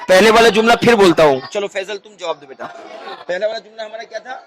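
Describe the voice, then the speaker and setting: Coaxing high-voiced male teacher. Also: over music. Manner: coaxing, call-and-response drilling. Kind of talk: classroom grammar lesson.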